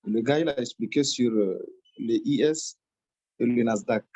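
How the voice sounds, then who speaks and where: Polite man with a mellow voice on a call. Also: medium pitch, measured pace, dry recording, dull audio. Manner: polite, apologetic, hesitant. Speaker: participant asking a question. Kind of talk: casual question on a video call. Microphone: video call.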